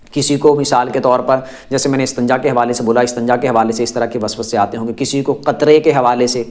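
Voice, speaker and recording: A man's voice: medium pitch, darkish tone. A man giving a reassuring, explanatory religious talk to viewers, repeating phrases and listing many examples one after another. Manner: repetitive, lists many examples. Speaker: religious teacher.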